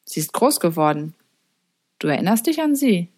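A woman reading a calm, joking father. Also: fairly low pitch, normal speed. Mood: serious.

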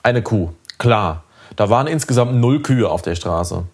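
A man's voice: lowish voice, expressive, unhurried, slightly rough, full character voice. A man playing a grumpy, stern father. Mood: sarcastic. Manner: hissing, stern, sarcastic. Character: grumpy strict father driving a car.

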